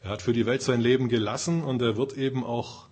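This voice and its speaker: A husky-voiced man speaking as the humble, trusting voice of the spirit in a sermon, calm and measured. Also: medium pitch, natural voice. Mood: serene.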